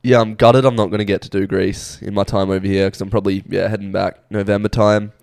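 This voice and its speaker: Young Aussie bloke, podcast host, rambling casual storyteller, smooth low voice, dry sound. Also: male voice, level tone, fast, a little mellow, dry recording. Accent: Australian. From Australia. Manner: laid-back, rambling storytelling with many fillers. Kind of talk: casual chat.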